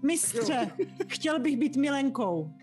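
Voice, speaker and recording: A man's voice: extremely high pitch, big pitch swings, a little mellow, soft background music. A man voicing a male zombie actor who pleads melodramatically to play the lover. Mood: yearning.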